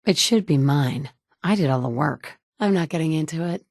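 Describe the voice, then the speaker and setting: A deep, darkish female voice, animated and at normal speed, belongs to an actress in her thirties performing a game's player character. The survivor she plays is tough and wry, and her blunt, matter-of-fact lines are captured on a studio mic in a booth without room sound.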